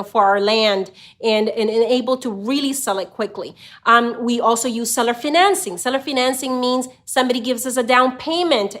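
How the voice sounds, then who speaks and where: A middle-aged woman from Honduras speaks in a slightly high voice. She talks to camera in an easy, conversational way, often filling pauses with "you know." She sounds like a channel host telling her own story. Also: fairly bright tone. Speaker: real estate investor and channel host. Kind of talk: casual direct-to-camera talk.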